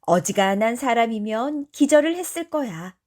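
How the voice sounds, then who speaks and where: A woman telling a bedtime folktale in a gentle, soothing ASMR narration. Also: fairly high pitch, lively intonation, moderate pace. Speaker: storyteller. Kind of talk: soft ASMR bedtime storytelling.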